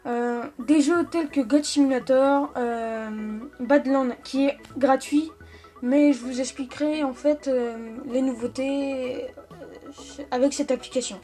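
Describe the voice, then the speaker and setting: A woman hosting a step-by-step phone app tutorial, talking in a halting way and often correcting herself mid-sentence. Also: high-pitched, steady tone, dark tone. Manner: halting, self-correcting delivery. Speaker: tech tutorial host. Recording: background music under the voice. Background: music.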